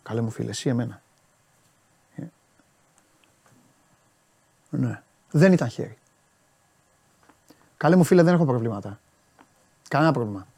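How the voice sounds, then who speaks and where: A man's voice: mid-range voice, animated, vocal fry, pauses often, dark tone, slightly rough. A man talking football on a live stream, animatedly answering and scolding viewers' messages.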